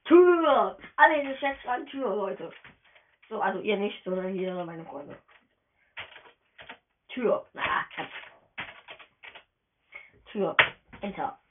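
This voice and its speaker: A woman giving casual, excitable let's-play commentary as she plays, chatty and slangy, often tripping over her words. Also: mid-range voice, slow pace, long pauses, background noise. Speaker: gamer narrating her play. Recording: tinny phone-quality voice message.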